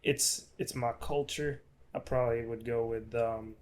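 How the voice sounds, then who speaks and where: A man chatting loosely on a podcast, piling up fillers and false starts and swearing freely as he rambles. His voice sits at an ordinary middle pitch. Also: fairly even intonation, measured pace, over a noisy crowd. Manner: rambling, swears a lot, many fillers and restarts. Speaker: podcast co-host. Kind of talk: casual chat.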